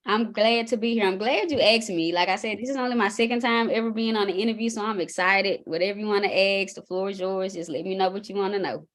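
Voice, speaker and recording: A woman's voice: medium pitch, fast, few pauses. A young woman from Mississippi with a Southern accent, chatting casually about herself as an interview guest and basketball coach. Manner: relaxed, chatty, folksy.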